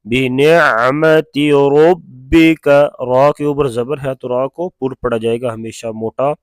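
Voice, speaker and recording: A man with an Urdu accent teaching Quran recitation, chanting verses slowly and then explaining the rules in quick plain speech. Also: medium pitch, steady tone, a little mellow, no room sound. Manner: alternates slow drawn-out recitation with quick spoken explanation. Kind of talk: tajweed lesson with slow recitation.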